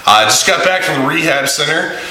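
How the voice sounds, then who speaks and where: A man giving a casual, rambling video diary in a halting, informal way, recorded in a big echoey room. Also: a little high, expressive, bright, forceful tone. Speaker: vlogger and volunteer preacher on a mission trip. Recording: echoey room, big echo, audible hiss.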